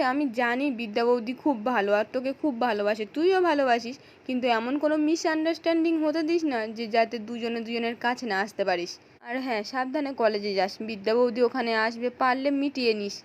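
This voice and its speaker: A woman with a high, bright-sitting voice narrates a recap of a family drama serial, reading each character's lines with lively emphasis. It is a close-miked voice-over in a scripted, even storytelling manner.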